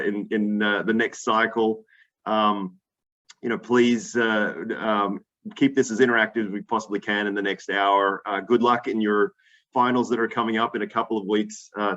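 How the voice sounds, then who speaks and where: An Australian man talks to a group of students over a video call. His voice sits fairly low and comes through a dull, lo-fi line. He speaks with emphatic energy, with many fillers and restarts. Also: fairly bright tone. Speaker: investor guest speaker.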